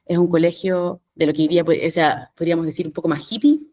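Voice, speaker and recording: Woman, 30s, Chilean accent, podcast guest, low-pitched, reflective, fillers and restarts. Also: steady tone, fast talker, mellow. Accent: Chilean Spanish. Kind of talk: conversational interview.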